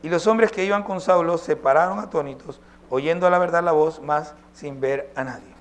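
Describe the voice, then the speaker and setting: A man's voice: on the high side, moderate pace. A male pastor preaching a sermon, emphatic and posing rhetorical questions to his congregation.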